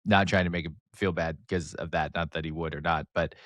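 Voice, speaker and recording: A man hosting a casual sports podcast alone, excitable and rambling, with a slight speech impediment that makes him mumble and trail off. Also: sits low, brisk, no echo. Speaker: podcast host. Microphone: close desk mic, sometimes turning off-axis.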